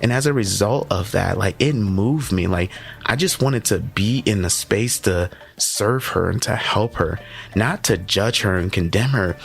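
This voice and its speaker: A man hosting a motivational podcast for educators, talking in an energetic, conversational way and often checking in with the listener. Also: fairly low pitch, measured pace, gravelly, husky.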